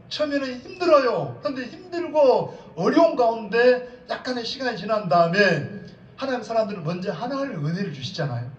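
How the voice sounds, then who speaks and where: Man, pastor, high voice, sermon, call-and-response questions, distant from the mic, echoey church. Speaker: senior pastor. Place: church sanctuary. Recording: distant echoey church sound, slightly dull.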